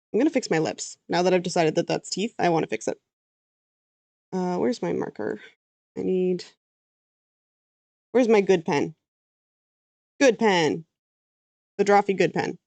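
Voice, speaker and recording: This VTuber artist streams her drawing, a Canadian woman chatting casually, musing aloud and leaving thoughts unfinished. Her lowish, slightly mellow voice moves at a measured pace with frequent pauses. The recording is dry.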